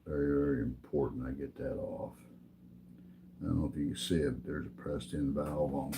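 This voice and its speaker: A man's voice: rumbling low, little pitch movement, background noise. A man hosting a live stream, talking plainly and half to himself while he repairs a lighter. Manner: slow, plain-spoken, muttering to himself as he works. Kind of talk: casual live-stream commentary while working.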